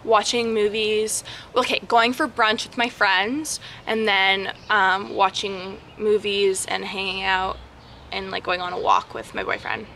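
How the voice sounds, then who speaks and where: A woman's voice: mid-range voice, measured pace, bright, forceful tone, a little hiss or hum. A young adult woman chatting casually and frankly in a slangy way, answering questions as a vlogger outdoors in a backyard.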